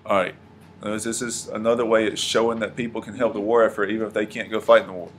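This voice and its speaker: A man's voice: on the low side, level tone, fast talker, a little hiss or hum. A man teaching history to a class, questioning the students and echoing their answers. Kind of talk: classroom lesson.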